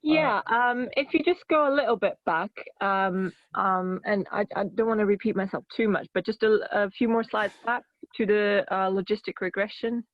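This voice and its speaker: A woman speaks over a phone line, so her voice comes through dull and lo-fi but dry, with no room around it. She presents her research in an online meeting and talks haltingly, filling gaps with fillers and restarting her sentences. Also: medium pitch, no room sound. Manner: hesitant, many fillers and restarts. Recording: muffled phone-quality audio.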